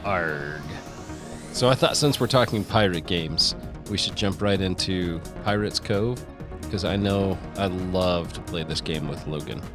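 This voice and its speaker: Low voiced guy chatting about board games, jokey, music clearly behind. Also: normal speed. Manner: playful, joking. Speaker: podcast co-host.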